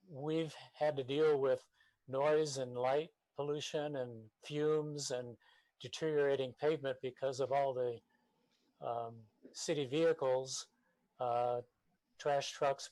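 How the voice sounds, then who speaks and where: A man speaking by remote call at a city meeting on behalf of a neighborhood association, halting with many fillers. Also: mid-range voice, a little mellow, no echo, poor audio. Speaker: public commenter for a neighborhood association. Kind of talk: public comment at a city meeting.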